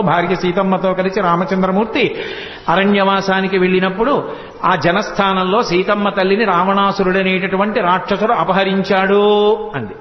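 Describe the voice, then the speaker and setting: Man telling a devotional story in an echoey hall. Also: sits high. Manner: animated storytelling, chants verses in a sing-song tone. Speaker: spiritual discourse speaker. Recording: echoey hall, dull lo-fi sound.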